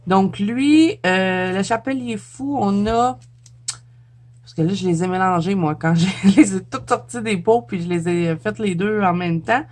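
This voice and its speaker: Middle-aged Quebec French woman, casual vlog host, chatty and giggly, mid pitch. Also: unhurried, a little mellow. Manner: chatty, laughs often, trips over words. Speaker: YouTuber. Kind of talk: casual show-and-tell vlog.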